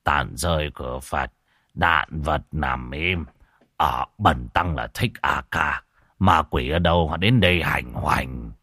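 A man voicing a cowardly fake monk who chants in a deep, drawn-out voice. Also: bright, forceful tone, no room sound, studio quality, full character voice. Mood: pompous. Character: fake pompous bald male monk, cowardly.

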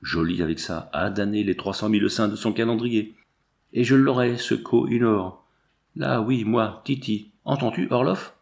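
Man reading an eager, smitten young American, stammers when flustered, gravelly tone. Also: on the low side, moderate pace, darkish tone.

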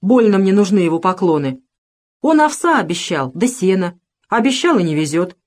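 A woman's voice: mid-range voice, very animated, moderate pace, darkish tone. A woman voicing a greedy, scornful male fur merchant who bosses the hunters. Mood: threatening. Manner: scornful, bossy.

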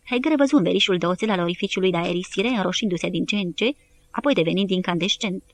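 A woman reading an audiobook as narrator, with steady, measured scripted narration. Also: on the low side.

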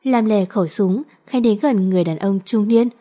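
A woman narrating a romance novel in a steady, even storytelling manner. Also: mid-range voice, normal speed. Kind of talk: audiobook reading of a romance novel.

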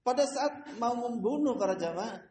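A man giving a lively mosque study lecture, telling stories and mimicking voices with frequent laughter. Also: extremely high pitch, moderate pace, roomy sound. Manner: animated storytelling, laughs often, mimics voices. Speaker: Islamic preacher.

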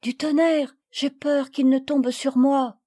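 A woman reading aloud, voicing a stubborn, timid little girl in a storybook who talks in a high, fretful way. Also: steady tone, slow, mellow. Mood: frightened.

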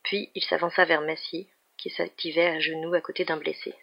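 A woman reading a novel aloud in a steady, even manner, in a dull lo-fi recording. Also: deep voice, brisk, gravelly. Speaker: reader.

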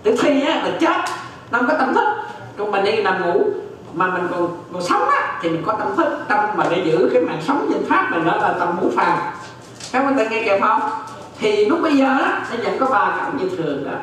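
Monk teaching dharma, high animated voice, heavy echo from a distant mic. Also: male voice, normal speed, slight background noise. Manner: keeps checking that listeners follow, repeats phrases. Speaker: Buddhist monk teaching Abhidhamma. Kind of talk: dharma lecture. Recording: very echoey hall, distant mic.

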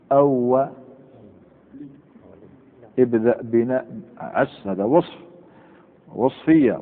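A male grammar teacher with an Algerian accent lectures a class, drilling the same examples again and again and firing questions at his students. The recording is thin and phone-like, and his voice rings out in a long hall echo. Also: mid-range voice. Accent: Algerian Arabic. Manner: repeats examples and quizzes students. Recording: tinny lo-fi with long hall reverb.

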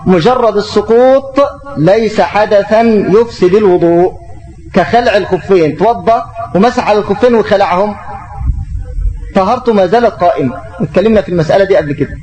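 A man's voice: high-pitched, fairly quick, a little mellow, rough recording. A middle-aged man with an Egyptian Arabic accent, teaching an Islamic lesson and taking questions, explaining through rhetorical questions.

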